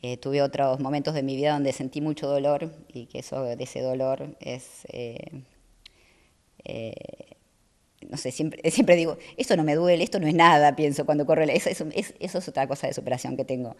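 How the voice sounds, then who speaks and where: A middle-aged woman, talking as a guest in a casual interview, soft-spoken and hesitant with many fillers. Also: a bass voice, fairly even intonation, normal speed. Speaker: guest athlete.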